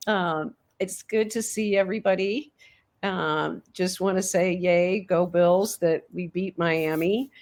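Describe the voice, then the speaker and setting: Hosting an easygoing sports conversation, this fairly low-voiced woman picks apart the game with calm, measured analysis.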